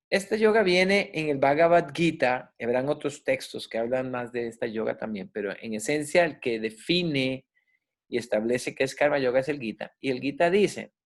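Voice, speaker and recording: A man's voice: mid-range voice, vocal fry. Man teaching a yoga class. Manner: explains slowly, spells out and repeats Sanskrit words; checks in with listeners, asking ok and right. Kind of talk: classroom lecture.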